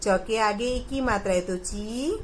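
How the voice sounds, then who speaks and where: A woman's voice: medium pitch, measured pace, slight background noise, rough recording. A woman teaching a recorded primary school lesson, patiently asking questions and answering them herself for the children.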